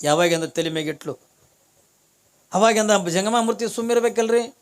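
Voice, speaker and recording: A man preaching a storytelling sermon, acting out the story's characters and repeating phrases for emphasis. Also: moderate pace. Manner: voices the story's characters, rising to high-pitched loud exclamations. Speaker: religious preacher.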